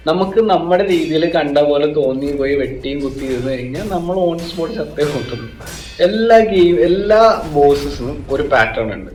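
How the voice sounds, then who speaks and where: A man's voice: fairly high pitch, expressive, normal speed, darkish tone. Malayali guy doing casual gaming talk, kinda hesitant choppy phrases, echoey room, music behind him. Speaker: gaming YouTuber. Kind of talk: casual video-game guide talk mixing in English. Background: background music.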